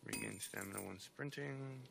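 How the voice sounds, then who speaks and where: Male gaming streamer, low and gravelly, laid-back muttering, noisy background on the mic. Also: moderate pace. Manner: laid-back, chuckling, mutters to himself while playing. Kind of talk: casual co-op gaming chat.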